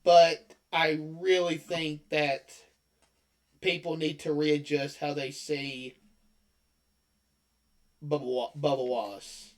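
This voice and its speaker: A man with a fairly high speaking voice chats casually on a podcast. He stumbles and restarts as he works up to venting his opinions. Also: little pitch movement, slow, long pauses. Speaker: podcast co-host. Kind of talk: casual chat.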